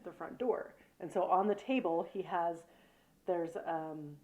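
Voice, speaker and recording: A woman's voice: lowish voice, measured pace, highs cut off. A woman co-hosting a casual chat show, telling funny stories and acting out what people said. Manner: animated storyteller, acts out quotes. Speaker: co-host.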